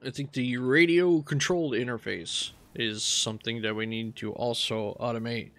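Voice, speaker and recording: A man casually talking through his gameplay, relaxed and rambling as he thinks aloud. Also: mid-range voice, moderate pace. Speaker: gaming channel host.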